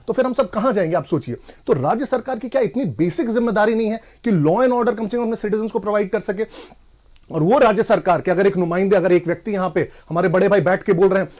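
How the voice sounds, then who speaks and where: A man from Jharkhand speaking as an opposition spokesperson in a TV debate, arguing forcefully and refusing to be interrupted. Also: high-pitched. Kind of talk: TV debate argument.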